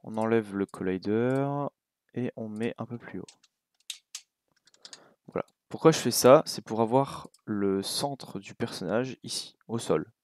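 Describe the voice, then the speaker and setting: A young man with a French accent giving a relaxed, casual coding tutorial at his computer, thinking aloud with many fillers and asides. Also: on the low side, a little slow, no room sound. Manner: relaxed, talks while clicking, many fillers and little asides. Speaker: game development tutor.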